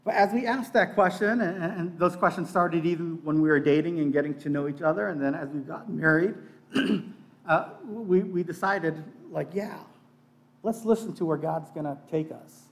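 His voice is on the high side and moves at normal speed, captured by a distant mic in an echoey space. The speaker is a middle-aged pastor preaching in a conversational, earnest way, offering personal testimony and repeating phrases to stress them. He was born in Bangladesh and spent some of his childhood in Pakistan within a missionary family.

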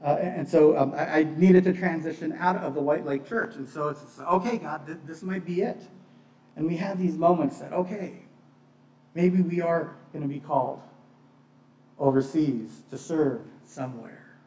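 This sermon comes from a middle-aged preacher whose voice is a little high and darkish, delivered at a moderate pace and recorded from a distance in an echoey room. His manner is conversational and earnest, weaving in personal testimony and repeating phrases for emphasis. He was born in Bangladesh and partly grew up in Pakistan in a missionary family.

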